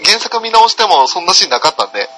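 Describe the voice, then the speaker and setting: A man with a very bright, sharp voice hosts a podcast and reads listener mail in casual chat. His tone is teasing and quick to laugh, and his pitch sits a little high. Faint background hiss runs under the talk. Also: very animated, poor audio.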